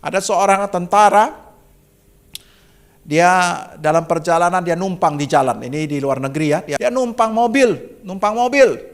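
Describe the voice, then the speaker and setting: Indonesian pastor, middle-aged man, high voice, story-driven sermon with big dynamic swings. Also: expressive, normal speed. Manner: dramatic swings from soft to loud and high; addresses congregation as "saudaraku".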